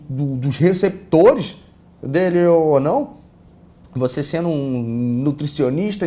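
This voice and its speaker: Speaking into a lapel mic, a course instructor with a Brazilian Portuguese accent gives an online lecture. His voice sits on the high side, and his casual delivery is full of fillers and repeated words, swinging lively between loud and soft.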